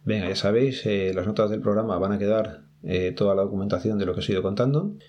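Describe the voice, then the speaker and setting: A man's voice: lowish voice, fast talker, darkish tone, muffled recording. A man with a Spain Spanish accent hosting a podcast, giving chatty, practical advice to his listeners in a casual monologue. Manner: chatty, advising listeners directly. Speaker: podcast host working at an ID card office.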